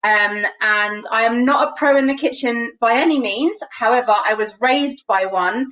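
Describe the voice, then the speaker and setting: A young woman from London with a London English accent hosts a casual home cooking stream, presenting a live demo in her kitchen. She's chatty, with many ums and light laughs, speaking at a normal speed in a higher, somewhat bright voice. A webcam mic on a video call picks her up from a distance.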